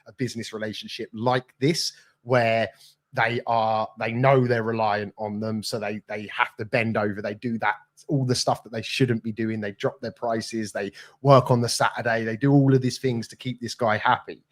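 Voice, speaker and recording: A man's voice: mid-range voice, level tone, normal speed. A man with a mid-range voice co-hosts a live business Q&A. He answers in a friendly, reassuring, conversational way. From United Kingdom. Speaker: podcast co-host.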